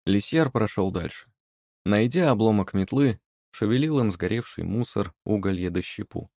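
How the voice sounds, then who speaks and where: A man calmly reading a fairy-tale audiobook as narrator. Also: lowish voice, normal speed, no room sound, clean studio sound.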